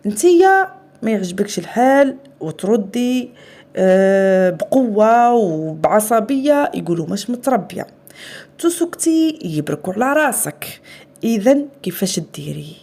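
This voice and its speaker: A woman's voice: medium pitch, a little mellow. Blunt Algerian woman giving advice. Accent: Algerian Arabic. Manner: blunt, lecturing, keeps asking the listener to agree. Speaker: advice host. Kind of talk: direct advice talk to women.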